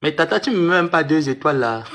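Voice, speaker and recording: A man's voice: on the high side, fairly bright tone. A man hosting a livestream, taunting and arguing in a mocking, repetitive way. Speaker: live-stream host. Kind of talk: livestream rant and chat.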